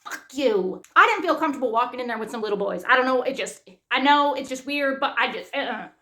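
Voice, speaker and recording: Woman, comic storyteller, animated, profane, bright tone. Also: high-pitched, fast talker. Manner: animated, profane, punchy delivery. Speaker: comedian.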